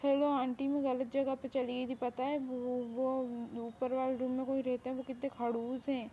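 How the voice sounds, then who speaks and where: A woman's voice: high voice, level tone, normal speed, natural voice. A woman voicing a timid young girl who pleads and apologizes in a fan audio drama. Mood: sulky. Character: innocent young girl, kidnapped, timid and sulky. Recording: tinny phone-like recording, faint hiss.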